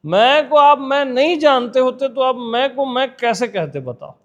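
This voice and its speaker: A man's voice: very high-pitched, lively intonation, unhurried, highs cut off. A man giving an informal spiritual talk to listeners, conversational, repeating words and putting questions to his audience. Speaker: spiritual teacher. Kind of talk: informal satsang discourse.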